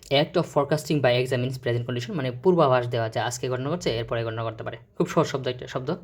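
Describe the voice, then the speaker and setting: A man speaks, teaching word meanings in a relaxed, conversational way. He keeps stopping for fillers and corrections, then spells words out slowly before moving on. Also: medium pitch. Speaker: vocabulary teacher. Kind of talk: casual explanatory lesson.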